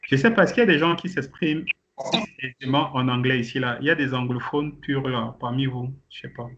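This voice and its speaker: Speaking a little fast at medium pitch, this man opens an online training meeting, stumbling and restarting often as he presents to the participants. The video call sound is muffled, with a trace of noise.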